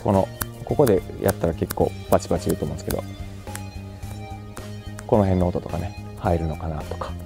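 A man's voice: low voice, brisk, gravelly, pauses often, over music. A man with a Kansai accent chatting casually in a gear-review vlog, thinking aloud with lots of fillers. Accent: Kansai Japanese. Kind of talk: casual mic-test vlog. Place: indoors at home, later outdoors at night.

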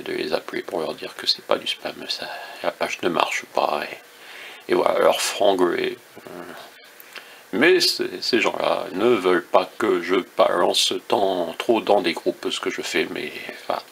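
A French man, a writer, complaining in a casual rant, with many fillers, pauses and wry remarks. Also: deep voice, vocal fry, fairly bright tone, slight background noise. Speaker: writer complaining about a social network. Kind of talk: casual screen-recorded rant.

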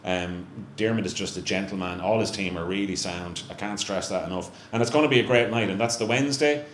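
A deep-voiced, middle-aged Irish man talks fairly quickly while chatting informally on stage, a guest there on behalf of a brewery. His talk is self-mocking and riddled with restarts. Captured on a handheld mic on a stand, the small stage room echoes, with a faint hum underneath.

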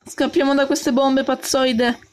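A woman's voice: high-pitched, level tone, a little slow. A woman doing let's play commentary, jumpy and full of yelps, talking to her game character and her viewers. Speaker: gaming channel host.

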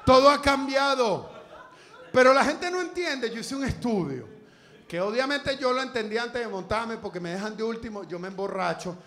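A man's voice: extremely high pitch, moderate pace, fairly bright tone. A man with a Venezuelan Spanish accent doing a live stand-up set on a comedy club stage, crude, profane and teasing the crowd.

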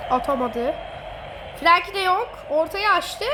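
A woman giving excited commentary over a football video game, teasing and gloating at her opponent and laughing often. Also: very high voice, measured pace. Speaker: gamer streamer. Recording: noisy game audio behind.

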